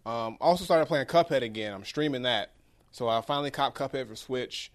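This podcast co-host, a man with a mid-range voice, talks a little fast as he chats informally about video games from the studio, dropping slang and casual swear words.

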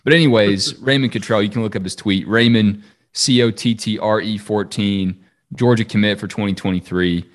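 A man's voice: on the low side, fairly even intonation, normal speed. A man co-hosting a sports podcast, talking football in a chatty, upbeat, casual way.

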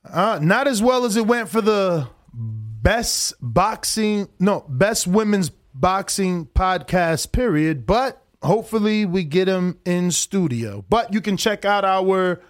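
A high-voiced man with very lively, swinging intonation. He banters as a sports podcast co-host in a slangy frat-bro way, full of exclamations and casual swearing. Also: slow pace.

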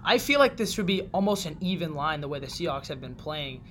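Quick to take sides, this podcast co-host shares his sports picks in a loose, opinionated conversation. He speaks expressively in a fairly bright voice on the high side, and a bit of background noise is present.

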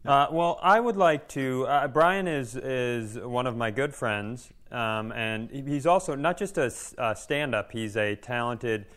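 Here a man co-hosts a podcast, a stand-up comedian telling casual stories in a joking, self-mocking way. His medium-pitched voice is a bit bright and a little slow, yet he barely pauses.

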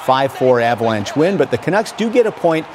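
A man anchoring sports news, reading highlights in a commentator's style. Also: big pitch swings, a little fast, noisy background.

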